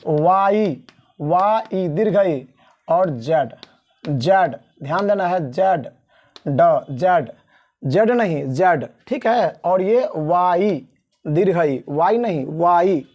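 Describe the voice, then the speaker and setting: A male English teacher from the Mithila region of India, teaching beginners at a board, slowly spelling out letters and repeating key points. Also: high voice, darkish tone. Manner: slow and deliberate, drawing out each letter and repeating key points. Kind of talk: blackboard lesson for beginners.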